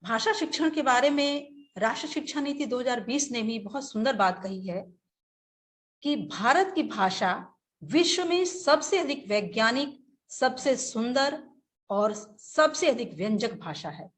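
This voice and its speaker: A woman teacher giving a webinar lecture, speaking slowly and deliberately, now and then acting out short examples. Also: on the high side, lively intonation.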